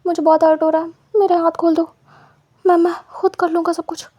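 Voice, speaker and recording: A woman's voice: very high-pitched, little pitch movement, fairly quick, dark tone. A woman voicing a proud young man in pain, pleading desperately and stumbling over his words. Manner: desperate, pleading, broken repeats.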